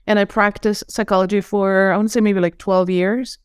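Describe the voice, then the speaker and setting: A middle-aged Venezuelan woman, a holistic coach and former psychologist, speaks earnestly and effusively as a podcast guest, often repeating words at the start of phrases. Her Venezuelan Spanish accent comes through in a smooth, brisk, medium-pitched voice with little pitch movement. The recording is dry and studio quality.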